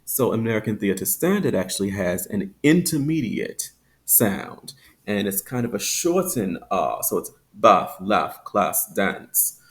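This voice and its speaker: A man teaching a phonetics lesson, explaining with fillers and stretching out example words slowly. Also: fairly low pitch, very animated, darkish tone. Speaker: accent teacher.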